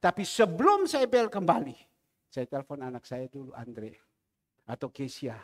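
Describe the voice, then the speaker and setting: A man preaching tells his stories vividly and slips into the voices of the people in them. His voice sits at a mid pitch. It rings out with the long reverb of a large church hall. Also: normal speed. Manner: animated storytelling, acting out quoted voices. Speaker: pastor. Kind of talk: sermon.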